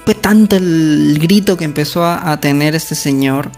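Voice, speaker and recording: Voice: mid-range voice, measured pace, a little mellow, soft background music. A narrator casually retelling a ghost story in a conversational way, often tagging lines with questions and fillers.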